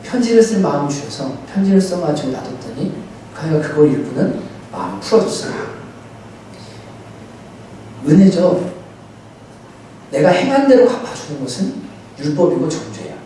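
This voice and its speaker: A man's voice: a little high, big pitch swings, normal speed, long pauses, warm tone. A male pastor preaching a sermon with an earnest, pleading delivery that swells to emphatic peaks. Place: large church sanctuary. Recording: echoey hall from far off, faint noise.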